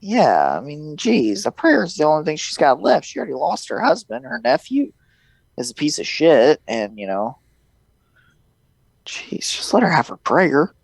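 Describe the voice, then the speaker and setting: Lively casual man riffing on a movie. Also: moderate pace, vocal fry, breathy edge, dry recording, rough recording. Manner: animated, jokey, acts out quotes in high voices. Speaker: podcast host.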